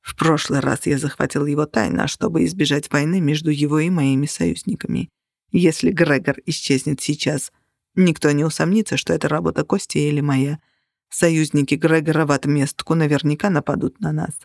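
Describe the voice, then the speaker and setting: A reader doing a calm, sad ancient vampire. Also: medium pitch, creaky, dry recording, studio quality, voice pushed down. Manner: quiet and measured.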